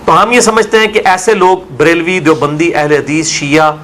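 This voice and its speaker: A man's voice: fairly high pitch, fairly even intonation, normal speed, a bit bright, a little hiss or hum. A man, a religious scholar arguing his view in an interview and asking rhetorical questions. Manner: argumentative, full of rhetorical questions.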